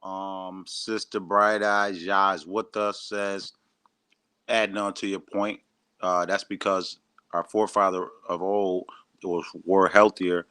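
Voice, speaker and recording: A man hosting a casual livestream, talking in an animated, emphatic way, repeating words and reading out viewer comments. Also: low-pitched, slow, clean tone, no room sound. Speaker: livestream host.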